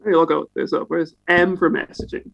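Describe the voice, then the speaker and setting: Male podcast co-host with a high voice; loose, sweary storytelling. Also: little pitch movement, fairly quick, gravelly, fairly bright tone, rough recording. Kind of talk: casual podcast chat. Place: home, in Edinburgh.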